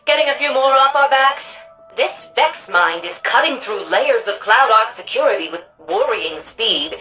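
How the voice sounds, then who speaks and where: In a sci-fi game, an actress voices an older female city administrator who is authoritative and wry, giving scripted mission dialogue crisply and commandingly. Her voice is mid-range and lightly acted, and the recording is low quality.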